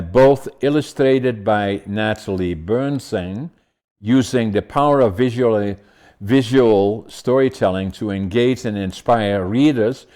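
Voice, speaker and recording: A podcast host with a fairly low, darkish male voice chats casually during an interview. He frequently restarts his questions partway through.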